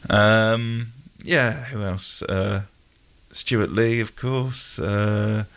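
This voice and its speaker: A British man with a low voice chats as an interview guest. He speaks casually and hesitantly, rambling as he feels his way through each answer. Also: fairly even intonation, very slow, a bit bright. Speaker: musical comedian, interview guest.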